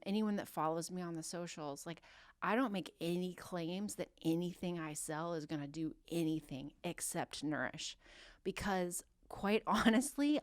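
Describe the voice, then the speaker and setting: A woman's voice: on the low side, no echo, studio quality. A woman in her forties, a health coach and author, speaking earnestly and with self-assurance as a podcast guest. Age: 40s. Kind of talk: casual podcast interview.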